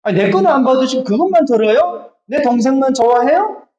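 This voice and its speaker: A man's voice: very high-pitched, animated, a little fast, darkish tone, muffled recording, voice pushed up. A male preacher voicing the jealous elder brother Cain, coaxing slyly and complaining bitterly. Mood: sulky complaining. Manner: sly wheedling, then bitter and whining.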